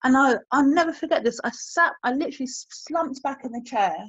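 A woman's voice: high voice, a little fast, fairly bright tone, breathy edge, dry recording. A woman, speaking as a guest and telling a personal story candidly and reflectively, often searching for her words. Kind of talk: emotional personal story in conversation. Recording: dry, slightly dull lo-fi audio.

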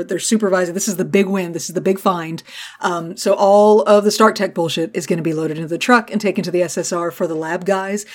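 A woman co-hosting a podcast, recapping an episode in casual chat, swearing freely and acting out characters' lines. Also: fairly low pitch. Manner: swears freely, acts out quotes. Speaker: podcast co-host.

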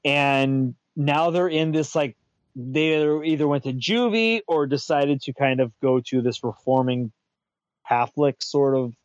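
A man with a mid-range, unhurried voice hosts a casual pop-culture chat, rambling, restarting, repeating himself and chuckling as he goes. The recording sounds dull, lo-fi and dry, with no echo.

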